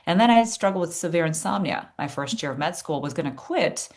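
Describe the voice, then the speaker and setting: A woman in her fifties who grew up in Chicago, a guest neurologist telling her story in an earnest podcast interview, quick to laugh. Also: fairly low pitch, lively intonation. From United States (Chicago). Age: 50s.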